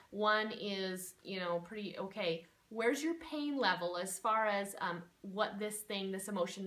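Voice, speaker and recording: A woman teaching a tapping technique, chatty and casual, who lists emotions in soft murmurs. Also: medium pitch, far from the mic. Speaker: tapping instructor. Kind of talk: guided self-help demonstration.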